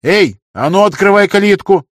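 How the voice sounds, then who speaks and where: A man voicing a pompous, hot-tempered senior adviser to an emperor who bosses people around and flies into loud rages. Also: mid-range voice, lively intonation, moderate pace, husky, dry recording, clean studio sound. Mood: furious. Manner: shouting, bossy, easily outraged.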